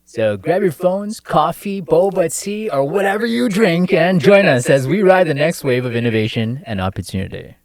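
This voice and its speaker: A man's voice: on the high side, sing-song, normal speed, hardly any pauses, a crowd in the background. A man co-hosting a podcast, asking casual, rambling questions with restarts. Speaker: podcast co-host. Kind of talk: podcast interview.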